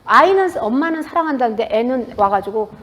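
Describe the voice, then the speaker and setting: A woman with a fairly high voice speaks to a bookstore audience as the author of the book. She tells anecdotes in a lively way and acts out the quoted dialogue. Her delivery stays conversational and animated. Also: brisk. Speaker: author giving a book talk. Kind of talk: public book talk to an audience. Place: bookstore event space.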